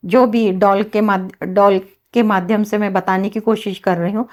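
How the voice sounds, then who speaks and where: A woman demonstrating and explaining a healing ritual step by step, in a slow, instructive manner. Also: medium pitch, steady tone. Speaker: healing teacher.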